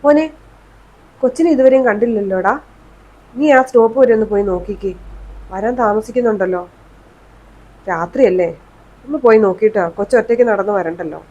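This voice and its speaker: A woman playing a doting, soft-hearted middle-aged mother-in-law who talks in a gentle, coaxing way. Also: medium pitch, fairly quick, pauses often, lo-fi sound, lightly acted. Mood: fond.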